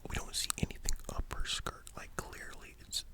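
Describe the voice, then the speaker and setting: A voice in a soft library whisper, giving an explanatory lesson as an ASMR whispered role-play. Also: normal speed. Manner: explanatory, checking the listener understands. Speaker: ASMR content creator.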